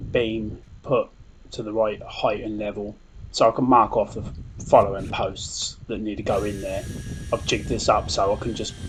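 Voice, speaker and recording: A man with a slightly low voice talks through his build in a casual vlog style. His delivery is conversational and loosely structured, with faint ambient noise behind him. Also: rough recording. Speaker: DIY build vlogger. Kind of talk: casual explanatory vlog talk.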